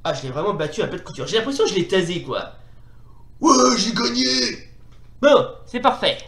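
A man commentating excitably as he plays a retro fighting game, often exclaiming and repeating himself. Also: a little high, quick pace, roomy sound. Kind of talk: playing while commentating.

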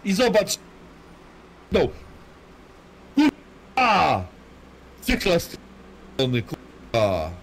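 A male streamer gives rowdy live commentary on his match, swearing and mocking people without pause. His voice sits a little high and swings widely in pitch, full of animated rises and drops. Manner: crude, swears constantly, banters and mocks.

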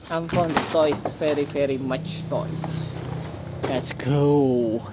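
A woman's voice: low-pitched, takes it slowly. A woman filming a toy show-and-tell vlog, exclaiming "wow" as she names each toy in short bursts. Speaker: toy unboxing vlogger. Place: indoors on a tiled floor. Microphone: phone camera held over toys. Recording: noisy phone recording.

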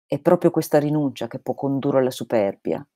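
A woman's voice: extremely low pitch, animated, fairly quick, warm tone, no echo, studio quality. A woman reading aloud the lines of an eccentric, vehement male holy fool, in an emphatic read-aloud delivery. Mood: preaching.

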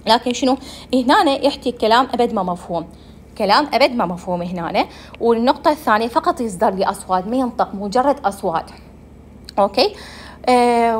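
Fast-talking Iraqi woman lecturing. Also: a little high, slight background noise. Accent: Iraqi Arabic. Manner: explains step by step, asks and answers her own questions, mixes English terms. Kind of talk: medical lecture.

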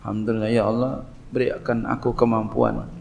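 A middle-aged man giving a casual, lively sermon, acting out little dialogues and translating Arabic phrases. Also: fairly low pitch, normal speed, creaky, highs cut off, a little hiss or hum. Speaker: Islamic preacher teaching a classical text. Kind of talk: casual sermon in Indonesian with Jakarta slang.

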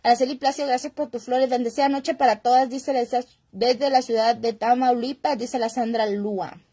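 A woman's voice: fairly high pitch, steady tone, moderate pace, dark tone, husky. A woman, hosting a casual gossip livestream, chatting and greeting viewers by name as she reads their comments aloud.

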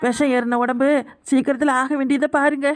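A high cartoon voice that coaxes and sobs for show. A woman acts a crafty young village accomplice. The tone is sweet but sly. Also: little pitch movement, brisk, close to an everyday voice. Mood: coaxing. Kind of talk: Tamil cartoon voice acting.

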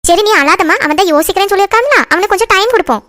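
A woman's voice: extremely high pitch, animated, rapid-fire, a bit bright. A woman voicing a reassuring cartoon grandmother. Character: grandmother, calm and comforting.

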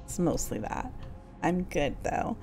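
A woman's voice: lowish voice, sing-song, slow, warm tone, faint music behind. A woman in her thirties streaming a game, chatting casually and rambling, often breaking off mid-sentence. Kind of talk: casual gameplay chat.

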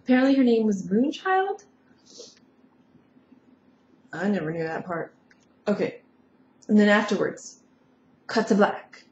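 A woman's voice: mid-range voice, sing-song, measured pace, pauses often, darkish tone, reverberant, highs cut off, a little hiss or hum. A woman casually retelling movie scenes with offhand, sarcastic asides. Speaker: vlogger.

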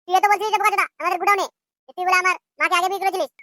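A shrill, very high cartoon tough spits insults and threats at a racing clip. The voice is bright and sharp, recorded close and dry with no room around it. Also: steady tone, dry recording. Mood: scolding. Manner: abusive, shouting, quick insults. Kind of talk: cartoon voice acting.

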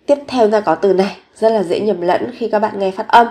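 A woman gives a recorded Korean vocabulary lesson in a mid-pitched voice. She speaks slowly and patiently, saying each word several times. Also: warm tone. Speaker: Korean language teacher.

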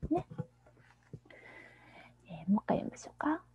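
A woman teaching a children's English song, explaining softly, often in a near-whisper, and reading the lyrics slowly and deliberately. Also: no room sound, highs cut off. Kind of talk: screen-shared lesson on a children's song.

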